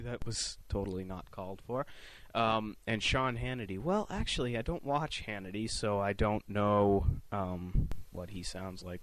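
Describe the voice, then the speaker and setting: A man's voice: on the low side, slight background noise. A young man answering viewer questions in a casual vlog, rambling and profane with many restarts. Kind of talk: casual chat.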